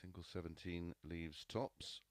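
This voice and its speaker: A man's voice: sits low, level tone, measured pace, dry recording. A man giving live darts commentary, describing play and players' statistics.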